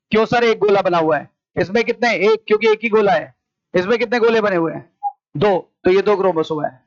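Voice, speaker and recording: A man with an Indian accent teaches a biology class in a high voice, asking each question several times. The sound is dry and a little dull, as from a plain classroom mic. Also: no room sound. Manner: repetitive question-and-answer drilling. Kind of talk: classroom lecture. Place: coaching classroom.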